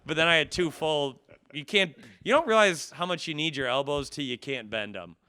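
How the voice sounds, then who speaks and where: A man guesting on a podcast tells self-deprecating comic stories in casual, profane chat, laughing through them and often acting out dialogue. His voice is on the high side and animated, at a moderate pace, with a crowd audible in the background.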